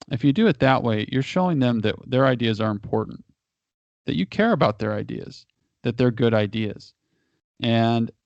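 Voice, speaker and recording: A man's voice: mid-range voice, a little mellow, dry recording. A married man, a guest, giving casual advice in a long explanation, often restarting and repeating his words. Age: adult, married. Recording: dry, dull lo-fi audio.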